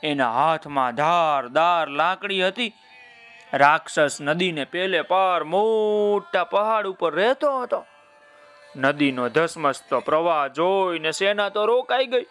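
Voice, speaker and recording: A man's voice: fairly high pitch, expressive, slow, fairly bright tone, clear, resonant tone, faint music behind. A man telling a children's story in a playful way, speaking directly to his young listeners.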